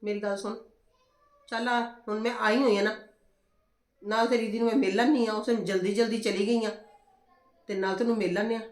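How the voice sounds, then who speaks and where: A woman acting as a forceful older sister-in-law in a family drama, firmly reassuring a worried relative. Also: medium pitch, steady tone, a little fast, long pauses, roomy sound, natural voice. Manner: forceful and reassuring, talks down fears.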